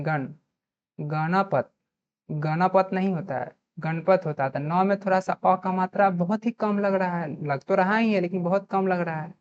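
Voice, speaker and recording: Woman, Bihari Hindi accent, online grammar teacher, low voice, spells letters one at a time, dull lo-fi recording. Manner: slow, spells out letters one by one, asks and answers her own questions. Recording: dull lo-fi sound.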